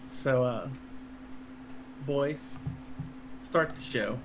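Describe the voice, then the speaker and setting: A man's voice: medium pitch, drawn-out words, noisy background. A man voicing a scheming, curt villain who commands his underlings in a tabletop role-playing game. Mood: scheming, commanding.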